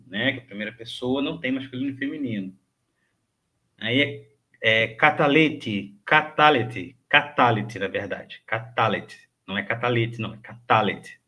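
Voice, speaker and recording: A man teaching a recorded lesson at an unhurried, deliberate pace. His voice sits at a middle pitch. He repeats each word slowly, clears his throat now and then and keeps checking in with his students. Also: fairly bright tone. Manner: clears throat, thinks aloud with hesitations. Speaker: Hebrew teacher. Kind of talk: recorded online grammar lesson.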